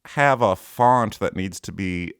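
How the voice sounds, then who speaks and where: A man's voice: low voice, slow pace, fairly bright tone, smooth, dry recording, clean studio sound. A man hosting a podcast, joking around in casual chat and giving playful word clues. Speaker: podcast host.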